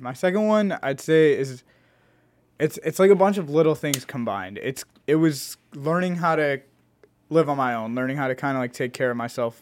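A man's voice: medium pitch, clear, resonant tone. A young adult man co-hosting a casual podcast, chatting in a garage. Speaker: podcast co-host.

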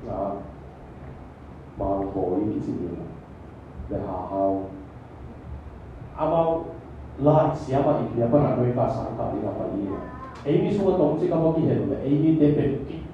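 A man's voice: medium pitch, sing-song, moderate pace, pauses often, mellow, a little hiss or hum. A man preaching a sermon in a church hall, drawing responses from the congregation. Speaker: pastor. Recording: echoey hall, distant mic, dull sound.

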